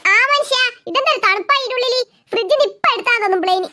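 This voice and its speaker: A woman's voice: extremely high pitch, fast talker, pushed and bright. A woman voicing a naive, talkative old village woman in a cartoon, who argues in indignant bursts. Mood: chatty, indignant. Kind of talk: cartoon voice acting.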